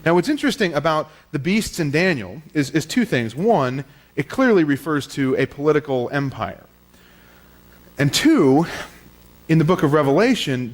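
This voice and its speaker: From the pulpit microphone of a church sanctuary, a male pastor with a fairly high voice delivers a teaching sermon. He explains things plainly and conversationally, with small fillers.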